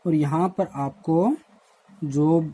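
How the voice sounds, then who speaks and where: A man teaching a lesson to schoolchildren in a recorded online class, explaining word meanings slowly and repeating himself. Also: on the high side, dark tone. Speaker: Hindi teacher.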